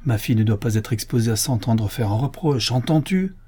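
A grieving old Corsican father, as a male narrator voices him in a storybook reading. He is stern and weary, speaking with weight and resolve. The voice is mellow and husky, with a warm, dark tone. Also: medium pitch, expressive, brisk. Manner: grave, weary speech.

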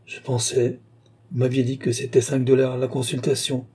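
A man voicing a timid, flustered young woman who speaks haltingly, in an audiobook reading. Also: medium pitch, flat delivery, darkish tone, breathy edge. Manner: halting, unsure.

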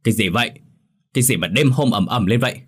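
A man voicing a hot-tempered drunken father who scolds his daughter in rapid anger, in a spoken horror story. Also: medium pitch, expressive, husky. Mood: furious. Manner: fast, furious scolding.

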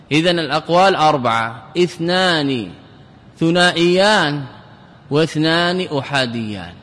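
A man teaching grammar as a sheikh. He poses rhetorical questions, answers them himself, and slowly repeats key words for emphasis. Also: fairly high pitch, fairly bright tone. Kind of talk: classical Arabic grammar lecture. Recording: long reverb of a large hall.

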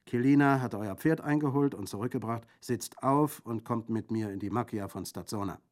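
A man with a mid-range voice, lightly acting at a moderate pace, plays a boisterous Corsican bandit in an audiobook. The character is jovial and exclamatory, with gleefully mocking, gruesome humour, and the mood is urging and wry.

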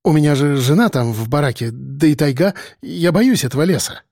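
A man's voice: on the high side, a little fast, vocal fry, darkish tone, dry recording. A spineless middle-aged doctor, babbling and fawning in a slightly raised, nervous voice, as a male narrator puts him on. He hurries and stumbles over his words in a storybook scene. Dry and close. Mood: timid.

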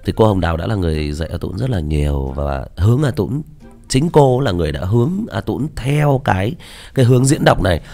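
Casting: low-voiced male audiobook narrator, lively pitch, rambling casual talk. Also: fairly quick, vocal fry, soft background music. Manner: chatty, hesitant, many fillers. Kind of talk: casual chat about voice acting.

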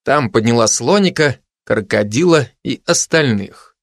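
A man narrating a children's fantasy story in an even, expressive reading. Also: medium pitch, measured pace, no echo, studio quality. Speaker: audiobook narrator.

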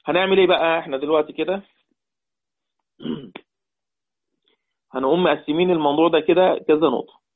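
A man's voice: on the high side, fairly even intonation, brisk, pauses often. A man with an Egyptian Arabic accent teaching a Quran recitation lesson. He repeats points and quizzes his students. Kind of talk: online lesson explaining readings. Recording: tinny phone-like line.

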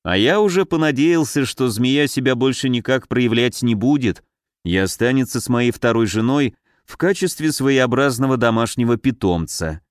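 Male audiobook narrator, mid pitch, dry close sound, steady reading. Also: moderate pace, no echo. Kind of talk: scripted fantasy narration.

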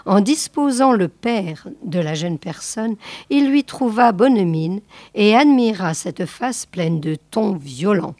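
A woman reading a classic novel aloud in a measured literary style, sometimes softly breathy. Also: medium pitch, animated, dry recording. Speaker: audiobook reader.

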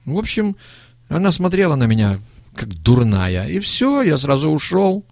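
Man putting on a jittery high-voiced young thug. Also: normal speed, no echo, clean studio sound, exaggerated voice. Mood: nervous. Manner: high-pitched, excitable, stammering excuses. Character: jittery young male accomplice, boastful then panicky.

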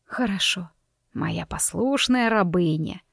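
A woman's voice: on the low side, lively intonation, takes it slowly, creaky, no echo, studio quality, full character voice. A woman voicing Dante, a sneering mobster groom. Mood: menacing. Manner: taunting, sinister. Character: menacing young male mobster groom, cruel and mocking.

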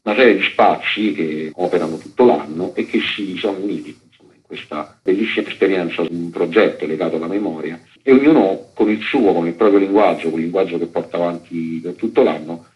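An actor and author, appearing as a radio guest, talks off the cuff in rambling, improvised phrasing during an unscripted interview. His voice sits low and brisk, and the recording is muffled.

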